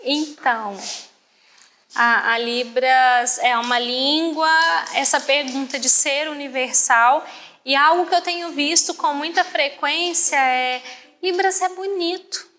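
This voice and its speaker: A woman voicing a deaf guest's talk live as an interpreter, quick and often restarting her phrases, with a reverberant hall around her. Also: high voice, fairly even intonation, bright, forceful tone, a little hiss or hum. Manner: quick, restarting phrases, mimicking others' tones.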